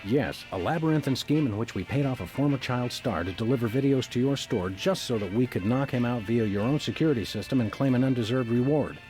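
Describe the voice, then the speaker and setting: An actor playing a wry, unflappable cartoon game detective in a wordy, sarcastic deadpan. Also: male voice, mid-range voice, brisk, few pauses, soft background music, lightly acted. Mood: dry deadpan. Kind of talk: video game character acting.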